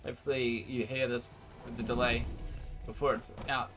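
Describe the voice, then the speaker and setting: A man's voice: mid-range voice, level tone, normal speed, fairly bright tone, faint music behind. An Australian man casting esports and chatting casually with his stream viewers, energetically hyping them up. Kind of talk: casual stream chat and play-by-play commentary.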